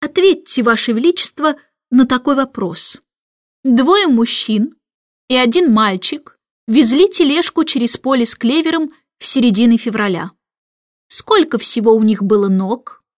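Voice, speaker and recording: A woman voicing an eager, excitable old male professor who asks questions in a high, drawn-out voice. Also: no echo, clean studio sound.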